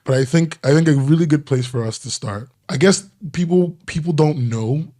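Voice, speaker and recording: A man's voice: on the high side, moderate pace, dark tone. A man hosting a channel, asking loose, rambling questions with lots of fillers in a casual interview.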